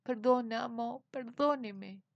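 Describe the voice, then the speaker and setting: A woman's voice: a little high, slow pace, vocal fry, no room sound, lo-fi sound, voice pushed up. A woman voicing an ugly blue man full of remorse, pleading and apologizing. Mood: apologetic.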